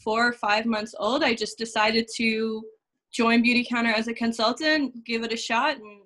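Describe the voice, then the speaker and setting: Chatty woman, a little high voice. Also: fairly even intonation, normal speed, a bit bright. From Netherlands. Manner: chatty, laughs often, many "like" fillers. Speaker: podcast guest. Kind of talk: casual interview chat.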